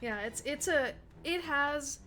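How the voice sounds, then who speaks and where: A woman's voice: high voice, lively intonation, slow pace, pushed and bright, slight background noise. A woman narrating as game master in a tabletop game, describing the action with lots of restarts and fillers.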